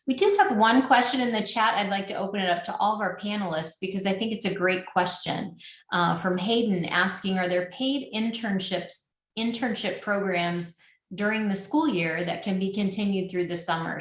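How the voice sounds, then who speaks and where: A woman's voice: medium pitch, normal speed. Upbeat woman moderating an online panel. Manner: upbeat and joking. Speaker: webinar moderator. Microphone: video call. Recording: roomy echo.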